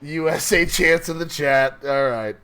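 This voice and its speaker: A man calls a live online race beside his partner, teasing and joking as he goes. His voice sits a little higher than most men's. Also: unhurried, sharp tone, smooth. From Eastern Kentucky. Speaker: co-commentator. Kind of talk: live sim racing commentary.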